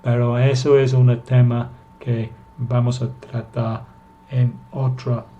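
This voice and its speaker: Slow, careful male language teacher. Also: medium pitch, little pitch movement, mellow, dull audio. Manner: slow and careful, repeating example sentences for learners to copy. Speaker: English teacher. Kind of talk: recorded language lesson.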